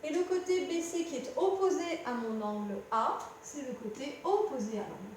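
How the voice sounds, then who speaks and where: A high-pitched woman teaching a math lesson, patient and talking straight to the student. She often corrects her own slips. The room is very echoey, with a faint hum underneath. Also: expressive, normal speed, darkish tone, far from the mic. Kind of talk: explaining a lesson at a board.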